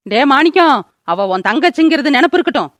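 Cartoon granny, old and scolding, fast and high-pitched,, dry close sound. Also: female voice, animated, fairly bright tone, no room sound. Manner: scolding, rapid-fire. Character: scolding old grandmother, sharp-tongued, sides with daughter. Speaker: mother-in-law. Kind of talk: cartoon voice acting.

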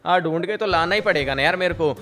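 A young man races through emotional role-play commentary over his game, calling out to his viewers. His voice is bright and sits a little high. Faint music runs underneath. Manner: fast, emotional, addresses viewers as guys. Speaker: gaming video creator.

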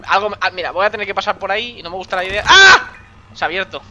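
A man's voice: sits high, fairly even intonation, rapid-fire, sharp tone, a little hiss or hum. A young man from Spain giving sarcastic running commentary on a horror game, breaking into sudden screams. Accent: Spain Spanish. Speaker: gaming streamer.

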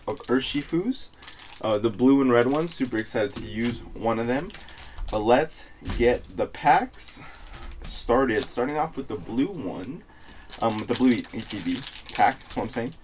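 A young man hosting a pack-opening video, chatting casually with slangy, excitable frat bro hype. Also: medium pitch, a little slow, slight background noise. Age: young adult. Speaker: YouTube host opening trading card packs. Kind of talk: casual excited chat to camera. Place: small indoor room at home.

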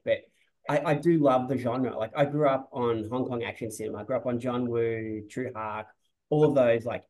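A film director in his forties chats in a casual video-call interview through a webcam, with poor audio. His voice is middling in pitch and a little mellow, and he rambles loosely, restarting sentences and saying "like" a lot.

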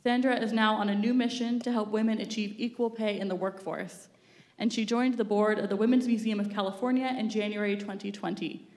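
An event host at a theater podium introduces the speakers formally, her voice medium in pitch, darkish, and fairly even in intonation. She moves at a brisk pace, and the podium mic captures the spacious acoustics of the hall.

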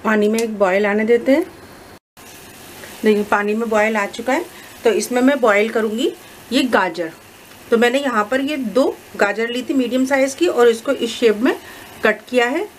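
A woman explaining a recipe step by step in a calm, instructive voice-over as cooking show host. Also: fairly high pitch, moderate pace, slight background noise. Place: home kitchen.

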